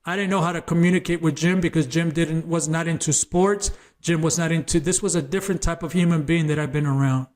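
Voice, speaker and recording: A man's voice: fairly high pitch, steady tone, quick pace, hardly any pauses, a little mellow. A man who is a former gang member, a guest on an interview show, tells his personal testimony as a story, earnest and emphatic, often repeating words as he builds up.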